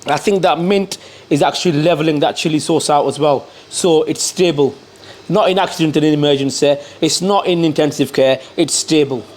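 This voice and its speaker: A man's voice: fairly high pitch, normal speed, a little mellow. A man giving a casual food review to camera, talking between bites and chatting to his cameraman. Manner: repeats catchphrases and addresses the cameraman. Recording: clear background noise.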